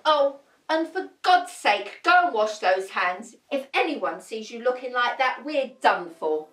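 A woman playing a sharp-tongued, scheming Lady Macbeth in a comic film, bossy and sarcastic. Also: on the high side, very animated, roomy sound. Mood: scolding. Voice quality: brisk, scolding, sarcastic. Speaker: actor in a comedy film. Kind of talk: comic stage acting.

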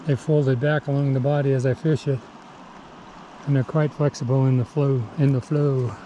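A man fishing a river, calmly explaining his approach and flies as he casts, filmed on a head-mounted camera outdoors. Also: mid-range voice, dull audio. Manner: calm, explanatory, talking to himself between casts. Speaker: fly fishing angler. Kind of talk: casual narration while fishing. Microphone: head-mounted action camera. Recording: outdoor camera audio with loud river noise. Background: rushing stream water.

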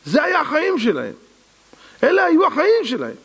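A man giving a rabbi's lesson, telling stories in an animated way and turning to his audience as he goes. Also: very high voice. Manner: animated storyteller, voices quoted people, addresses audience as "gentlemen". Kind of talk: storytelling sermon. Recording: reverberant hall.

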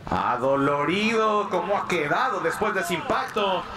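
A man's voice: high voice, animated, moderate pace. A man working as a wrestling commentator, calling live play-by-play in flowing, detailed descriptions of the moves.

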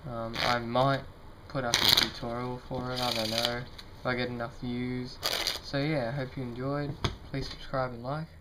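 A man's voice: medium pitch, flat delivery, moderate pace, few pauses. A young man casually presenting to camera as an amateur magician, informal, tentative and self-deprecating, at a table indoors. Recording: noisy home recording, card shuffling sounds.

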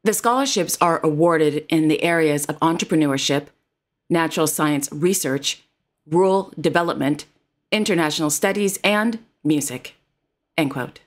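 A woman's voice: deep voice, normal speed. A woman presenting royal news in a formal, carefully read narration. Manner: formal, reads titles and quotes carefully.

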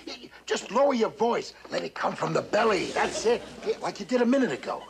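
An actor playing a jovial, brawny middle-aged navy commander who chuckles often, in a 1960s sitcom. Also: male voice, high voice, sing-song, fairly quick, vocal fry, noisy background, full character voice. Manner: hearty, chuckling, folksy. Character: jovial brawny male PT boat skipper.

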